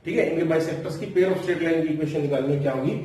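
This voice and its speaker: Heard far from the microphone in a very echoey room, a math teacher lectures his class in a dark-toned voice on the high side. He goes step by step, repeats key phrases, and slows down to dictate formulas.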